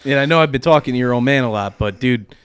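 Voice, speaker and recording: A man hosting a casual podcast chat, laughing often and telling lively stories. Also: mid-range voice, fast, smooth. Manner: laughs often, animated storytelling. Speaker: podcast host.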